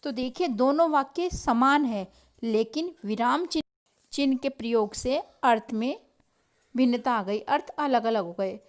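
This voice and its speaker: Woman, high voice, teacher, children's grammar lesson, slow and deliberate, asks and answers own questions.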